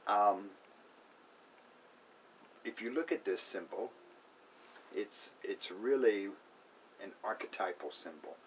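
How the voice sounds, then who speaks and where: A man's voice: on the low side, animated, slow pace, pauses often. A man who works as an acupuncturist, explaining a topic in an unscripted, casual way, with fillers and restarts. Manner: unscripted, self-correcting, with filler words. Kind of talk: casual educational talk. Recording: voice a bit far from the mic, faint room noise.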